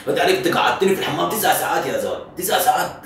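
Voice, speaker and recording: A man's voice: on the high side, big pitch swings, very fast, gravelly, fairly bright tone, soft background music, exaggerated voice. A man voicing an insistent, complaining Sudanese caller with a Sudanese Arabic accent in an improvised prank call. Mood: exasperated.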